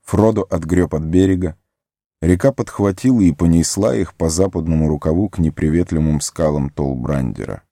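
Deep-voiced male audiobook narrator. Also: moderate pace, mellow, no room sound, studio quality. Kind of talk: storytelling narration.

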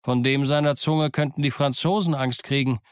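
Stern ship's doctor, read by a man, dry brisk scolding, close dry sound. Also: mid-range voice, steady tone, smooth, no room sound, close to an everyday voice. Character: stern calm middle-aged male ship's doctor.

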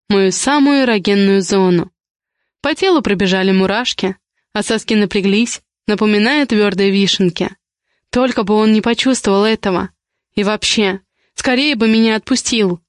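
A woman narrating a romance audiobook in the first person, with steady, intimate storytelling. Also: medium pitch, dry recording, clean studio sound.

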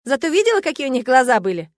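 Smug young nobleman from a storybook, calm and mocking, read by a woman with a fairly high voice. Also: rapid-fire, no echo, clean studio sound. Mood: teasing. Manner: mocking, unflappable. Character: cocky noble young man, teasing.

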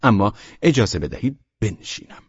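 A man voicing a bold, arrogant young man of about nineteen who speaks in a measured, haughty way in an audiobook. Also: fairly low pitch, big pitch swings, husky, dry recording, highs cut off, full character voice. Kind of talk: audiobook character voice.

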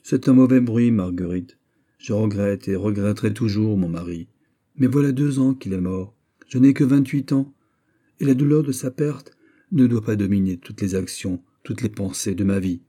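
A man's voice: on the low side, normal speed, mellow, lightly acted. A man voicing a proud young widowed marquise. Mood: indignant. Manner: indignant, defensive.

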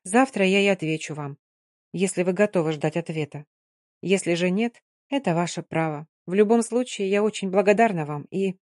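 A woman's voice: fairly low pitch, moderate pace, darkish tone, no echo, studio quality, lightly acted. A woman voicing an anxious young nurse who speaks breathlessly and pleads. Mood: earnest.

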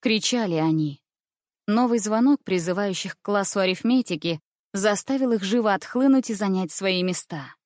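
A woman reads the narration of a children's story in an even, measured way. Her voice sits in a middle range and the recording is close and dry. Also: mid-range voice, no room sound.

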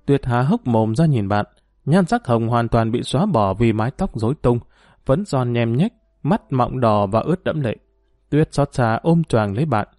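A man narrating a story in a measured, emotive reading. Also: medium pitch, animated, darkish tone, dry recording, clean studio sound, faint music behind. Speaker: audiobook narrator.

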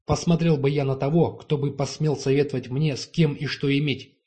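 A man's voice: a little high, fairly even intonation, brisk, dark tone, close to an everyday voice. A man reading the lines of a passionate young duke in an audiobook, heated and insistent.

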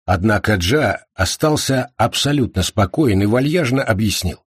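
A man reading an audiobook as narrator in an even, measured way. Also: fairly low pitch, husky, dry recording, studio quality. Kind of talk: scripted narration.

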